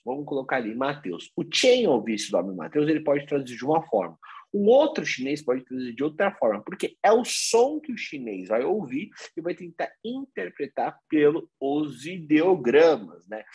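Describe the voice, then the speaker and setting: A man presenting an online Chinese lesson, addressing the viewers directly and spelling things out slowly. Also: fairly high pitch, slightly rough.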